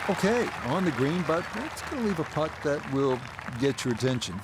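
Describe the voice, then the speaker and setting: A man giving golf commentary as play-by-play host, in measured, polished phrases. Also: fairly high pitch, sing-song, heavy background noise. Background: music and crowd.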